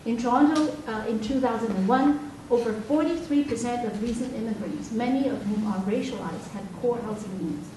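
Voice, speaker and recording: A woman from Hong Kong giving an earnest, measured public speech at a forum, pausing often with fillers. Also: a little high, dark tone, slight background noise. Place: meeting room. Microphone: far from the recording mic. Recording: echoey hall recorded from far off.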